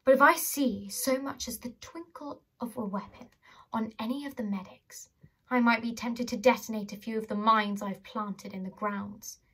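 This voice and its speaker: Woman doing a calm, threatening giant bodyguard. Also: a little high, moderate pace, breathy edge. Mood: menacing. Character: huge menacing male bodyguard.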